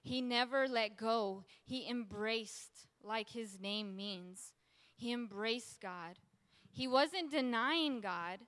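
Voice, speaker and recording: A woman delivers an emphatic sermon as a preacher, circling back to repeat her key phrases. Her voice sits a bit high with a crisp, bright edge. It rings out in a large room with a long, trailing reverb. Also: takes it slowly.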